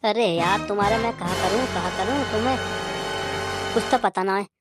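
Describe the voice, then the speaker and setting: A woman's voice: mid-range voice, normal speed, over loud music, close to an everyday voice. A woman voicing an exasperated male schoolteacher in a cartoon comedy, scolding the class.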